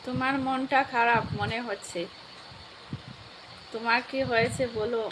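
A woman with a sore, hoarse throat, chatting live with viewers and asking warmly after them. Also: on the high side, fairly even intonation, a little slow, background noise. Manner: caring, asks viewers how they are. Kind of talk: casual live chat reading viewer comments.

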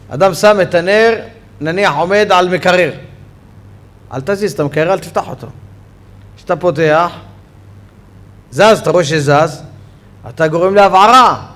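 A man teaching a Torah lesson on Sabbath law in a study hall, with an Israeli accent, telling stories with a voice that rises sharply when he gets excited. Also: high-pitched. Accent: Israeli Hebrew. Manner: animated storytelling, voice rising sharply when excited. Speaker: rabbi teaching a Torah class.

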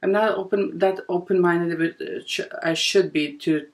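A woman's voice: fairly low pitch, fairly even intonation, moderate pace. A woman in her forties with a Bosnian accent, chatting casually to camera in her bedroom, rambling with many fillers. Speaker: vlogger. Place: bedroom, indoors. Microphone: camera at desk distance.

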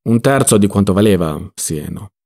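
A man's voice: lowish voice, creaky. A man playing Ziddima, a placid sly jar-mender. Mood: reasoning. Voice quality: calm, unhurried, slightly mocking.

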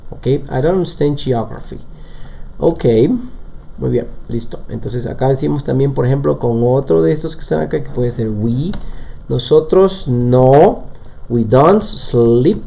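A man's voice: mid-range voice, creaky, warm tone. A man teaching a live online language lesson, explaining step by step and often checking in with his students. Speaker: English teacher.

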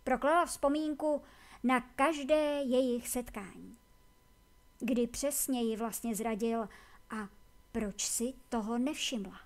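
A woman narrating a fantasy novel aloud in a measured, deliberate reading. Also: on the high side. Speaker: audiobook reader. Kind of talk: scripted narration.

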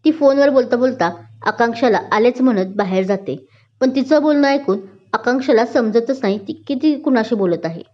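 A woman storyteller giving steady, scripted narration of a story. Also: a little high, moderate pace. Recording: dull lo-fi recording.

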